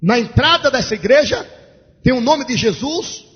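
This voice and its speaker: A male pastor, telling a story in a sermon with fervent preaching that rises to shouts. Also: extremely high pitch, expressive, moderate pace, breathy edge. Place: large church. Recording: echoey church hall, dull lo-fi sound.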